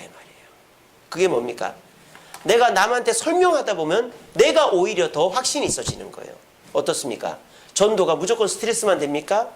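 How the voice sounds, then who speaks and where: A man preaching as a pastor at a church prayer service, posing questions to the congregation and answering them himself. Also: high voice. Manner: acts out quoted speech in lively voices. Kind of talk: sermon.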